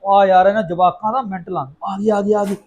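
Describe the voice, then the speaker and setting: Male home-cooking vlogger, Punjabi accent, high pitch, chatty, playful, exclamatory, repetitive phrasing. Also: fairly even intonation, a little fast, a little mellow, lo-fi sound, slight background noise. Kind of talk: casual chat to viewers while cooking.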